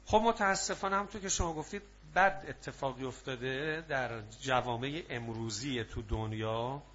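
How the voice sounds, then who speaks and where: Bright-voiced man preaching to a crowd. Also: mid-range voice, dull audio, a little hiss or hum. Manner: lively, prompts audience to answer. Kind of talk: religious talk to a live audience.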